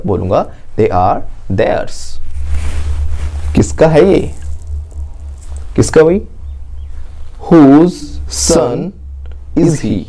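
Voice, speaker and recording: A man's voice: mid-range voice, warm tone. A man teaching a spoken English lesson, drilling phrases and asking students to repeat them.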